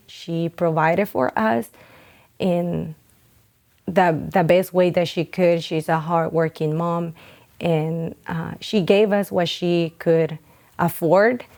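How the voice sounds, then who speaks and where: Slow and a little mellow, with a steady, lowish tone, this young woman from Honduras gives heartfelt testimony for a documentary interview. She founded a nonprofit, and her earnest account includes a few hesitations.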